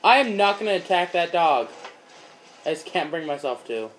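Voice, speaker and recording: A little hiss or hum sits under this teenage let's play host, whose fairly high voice moves at a moderate pace. Recorded by phone in a dim room in front of a screen, he chats about his game, excitable and yelping when in danger.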